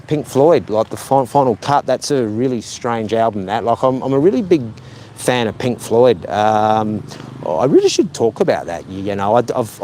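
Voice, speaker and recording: A man's voice: lowish voice, a little mellow, a little hiss or hum. A middle-aged man, live-streaming as he walks outdoors by a lake, chatting in a meandering, self-deprecating way full of fillers. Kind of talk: casual rambling live stream chat.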